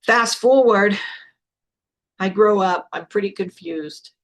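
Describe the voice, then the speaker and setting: A woman's voice: medium pitch, takes it slowly. An older woman hosting a spiritual podcast, telling her own story in a frank, blunt way with some swearing. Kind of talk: candid personal storytelling.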